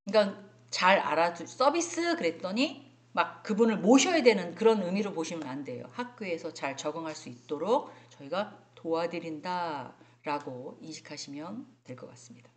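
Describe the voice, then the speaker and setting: A woman instructor giving a spelling lecture to adult learners, chatty and animated, often acting out little example scenes. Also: fairly low pitch, moderate pace, hardly any pauses. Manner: animated, acts out examples, frequent fillers.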